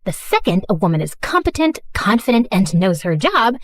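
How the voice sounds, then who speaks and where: An actress playing a blunt, prickly young woman on a mission in an animated story. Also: medium pitch, normal speed, no echo, clean studio sound. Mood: annoyed. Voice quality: curt, prickly.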